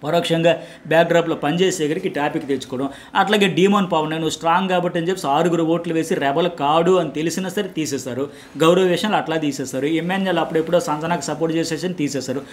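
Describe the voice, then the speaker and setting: A middle-aged male journalist delivers a solo reality-show commentary at a very quick clip. His voice sits a little high for a man, and he presses his points hard, repeating words to drive them home. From India. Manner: emphatic, animated, repeats words for effect.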